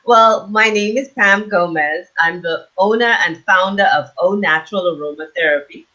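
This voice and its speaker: On an online call with dull lo-fi audio, a woman from the Bahamas, an aromatherapy business owner and author, explains her work as an interview guest. She speaks at normal speed with a medium pitch and a sharp tone.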